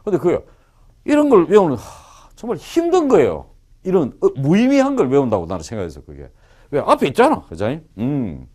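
A man teaching English to a class of students, joking and firing quick questions at them. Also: medium pitch. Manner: animated and joking, quizzes the class. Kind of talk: lively classroom lecture.

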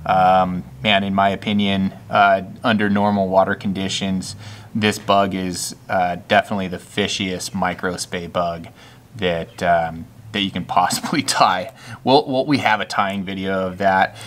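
A man working as a fly shop guide, talking through flies in a relaxed, chatty way with lots of fillers and restarts, recorded indoors at a table. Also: low voice, measured pace, a little hiss or hum. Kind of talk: casual product walkthrough.

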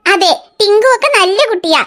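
A woman's voice: extremely high pitch, moderate pace, a bit bright. A woman voicing a firm, matter-of-fact young mother in a cartoon. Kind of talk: cartoon voice acting.

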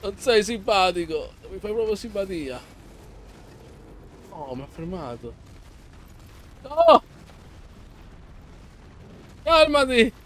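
A man hosting a let's play, commenting excitably and yelling and pleading at the boss. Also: high voice, measured pace, pauses often, a little hiss or hum. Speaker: gameplay channel host.

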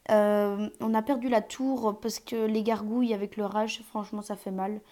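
A woman's voice: medium pitch, flat delivery, moderate pace, warm tone. A woman streaming live gameplay commentary through an earphone mic, hesitant with many fillers and sometimes dropping to a whisper.

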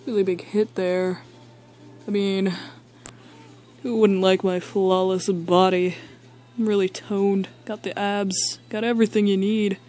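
A girl voicing a boastful, deadpan dad toy who hosts a chaotic talk show in an amateur toy skit. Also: medium pitch, natural voice. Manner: slow, boastful, deadpan rambling. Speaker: talk show host figure.

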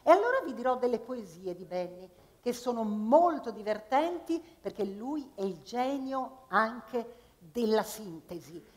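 A woman performer speaking to a live audience, introducing and reciting comic poems with pauses and restarts. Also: fairly high pitch, big pitch swings, darkish tone. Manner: chatty and unhurried between pieces, with pauses and restarts. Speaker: actress performing at a festival. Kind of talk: live stage talk and poetry recital. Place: stage in a hall before an audience. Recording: live hall with long reverb.

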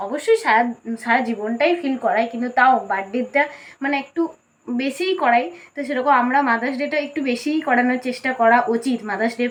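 A woman chatting casually and at length to her vlog viewers, her voice hoarse from a cold. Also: on the high side. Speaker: vlogger.

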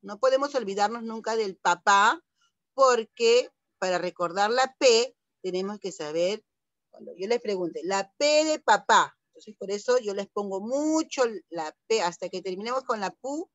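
In this online reading lesson, a middle-aged primary school teacher helps young children by sounding out syllables with patience. She speaks at normal speed with medium pitch, and the recording is dry and muffled.

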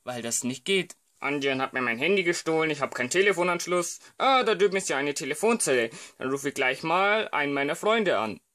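A man's voice: lively intonation, fairly quick, hardly any pauses, bright, forceful tone. A man voicing every character in a homemade comedy film, playful and hesitant, jumping between voices. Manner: playful, jumps between voices with sudden pitch shifts; hesitant, many fillers. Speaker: amateur filmmaker voicing all characters.

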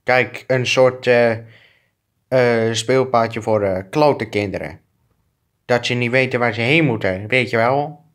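A man's voice: medium pitch, slow, fairly bright tone. A man improvising a comic fan dub of two clumsy adult male neighbors who bicker, trading crude insults and swearing. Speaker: fan dubber.

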